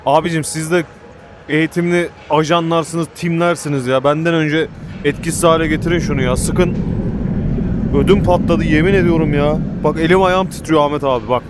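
A man giving excited, panicky commentary while playing a game, swearing and shouting at it. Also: a little high, brisk, noisy background. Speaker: gaming YouTuber. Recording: game music playing behind.

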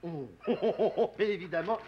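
A man's voice: high voice, brisk, muffled recording, noisy background, lightly acted. A man voicing Loup-Garou, a hammy male werewolf actor who stumbles over forgotten lines, in 1960s children's TV puppet acting. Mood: flustered.

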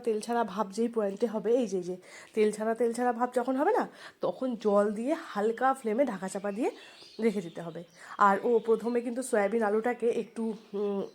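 A woman's voice: mid-range voice, a little mellow. A woman, stuffed up and nasal from a cold, chatting homely voice-over narration to her viewers. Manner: rambling, homely, talks to viewers. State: congested from a cold. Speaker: home vlogger.

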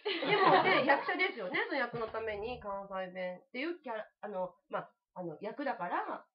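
A woman's voice: on the high side, big pitch swings, normal speed, a crowd in the background. A woman hosting a live-streamed talk show, chatty and exclamatory as she interviews her guests. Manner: chatty, exclamatory, laughing often. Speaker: host. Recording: dull lo-fi live stream audio.

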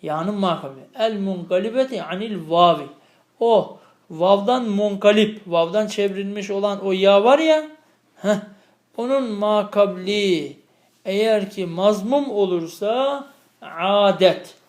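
A man's voice: high voice, a little slow, roomy sound. A male teacher lecturing on grammar, repeating each term and checking with students through questions. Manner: explains by repeating terms and asking students questions. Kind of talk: lecturing on classical Arabic grammar.

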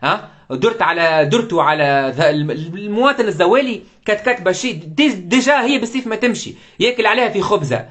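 A man's voice: high voice, lively intonation, fast talker, fairly bright tone. A man with a Tunisian Arabic accent giving an impassioned live political commentary, firing off rhetorical questions and mixing in French words.

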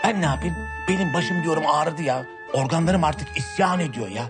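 Man acting as a wheedling, melodramatic brother, slightly high voice, music underneath, TV comedy. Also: moderate pace, lightly acted. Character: scheming lazy older brother Necati, man. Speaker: actor in a TV comedy series.

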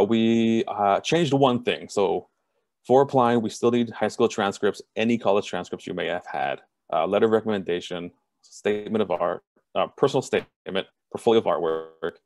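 Leading a video-call information session, this Southern Californian admissions rep talks in a low, close, dry voice without any room sound. By his own account he speaks in an even monotone, and he doesn't hold back his views.

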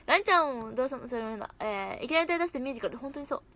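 A woman's voice: high-pitched, animated, rapid-fire, fairly bright tone, a little hiss or hum. A young woman casually chatting on a livestream, giggling often as she reacts to viewer comments. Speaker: idol livestream host.

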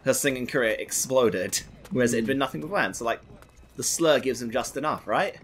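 A man's voice: medium pitch, fast, a bit bright, a little hiss or hum. A man playing a video game on a let's play, commentating casually and making wry, dry jokes. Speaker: let's play co-host and player. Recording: voice over game music.

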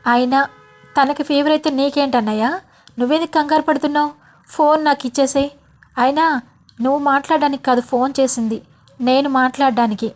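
Woman voicing a bubbly young sister with a high voice. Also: steady tone, brisk, long pauses, a little mellow, close to an everyday voice. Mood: worried.

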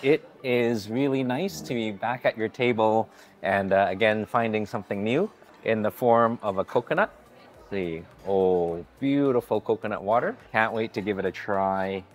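Guy in his 40s vlogging a buffet, lowish voice, upbeat and chatty, faint music under it. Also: normal speed. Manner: upbeat, chatty, often greets staff warmly. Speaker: food vlogger. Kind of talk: casual vlog narration. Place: hotel buffet restaurant, indoors.

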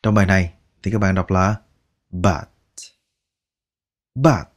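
A man teaching English pronunciation, repeating each word slowly and drawing out its sounds, patient and coaxing. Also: low-pitched. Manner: patient, coaxing, ends phrases with soft particles. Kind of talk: slow pronunciation lesson.

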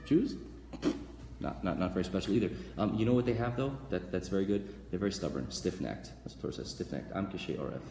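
A man in his thirties, a rabbi teaching a weekly class, animated and gesturing, bursting into loud acted voices. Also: low-pitched, fast talker, a little hiss or hum. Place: small room before a banner backdrop, live class. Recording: echoey room with long reverb.

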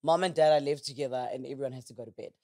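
A woman's voice: a bass voice, fairly even intonation, very fast. A South African woman hosting a casual interview, asking questions and teasing her guest. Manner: warm prompting questions, teasing. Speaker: interview host.

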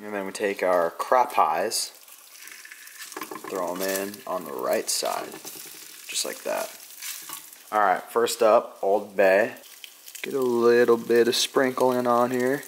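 Filming himself with a handheld wide-angle camera at arm's length, a young man chats in a filler-heavy fishing vlog, first in a garage, then an apartment kitchen and living room. He speaks slowly in a fairly low, gravelly voice with long pauses, over slight hiss or hum.

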